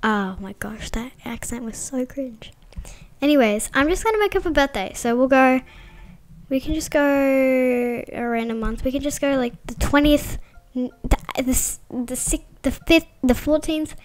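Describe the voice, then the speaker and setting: A woman giving casual, chatty gameplay commentary as a vlogger, excitable and full of fillers. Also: high-pitched, normal speed. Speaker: gaming vlogger.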